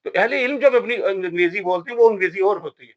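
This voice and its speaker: A man from Pakistan, giving a casual, emphatic talk about books in a vlog. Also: high-pitched. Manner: emphatic, preachy, says "yaar" often. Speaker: vlogger.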